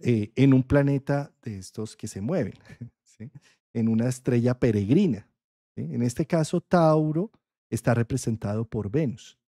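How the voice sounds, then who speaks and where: A man's voice: mid-range voice, warm tone, no echo, studio quality. A man from Colombia with a Colombian accent, explaining astrology in a conversational lesson and checking in often with his listeners. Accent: Colombian Spanish. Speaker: astrology teacher.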